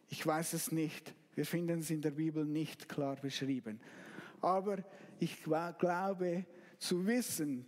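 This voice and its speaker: In a large hall, a male pastor with a fairly high voice preaches, narrating a story slowly and dramatically. Every so often he erupts into a sudden loud outburst.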